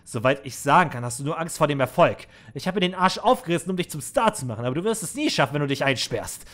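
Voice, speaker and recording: A cruel, manipulative manager lectures with cold condescension, as read by a man. The voice sits a little high for a man, with a scolding edge. It is game dialogue read aloud in a let's play. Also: lively intonation, fast, a bit bright.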